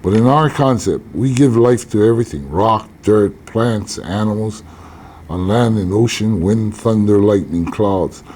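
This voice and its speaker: An older man from Hawaii, an elder teaching about tradition in a slow, measured way with deliberate pauses. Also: lowish voice, darkish tone.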